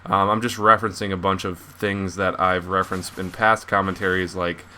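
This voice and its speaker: A man's voice: deep voice, little pitch movement, normal speed, pushed and bright. A young man giving casual video commentary, rambling and self-mocking with lots of restarts. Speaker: YouTube gaming commentator.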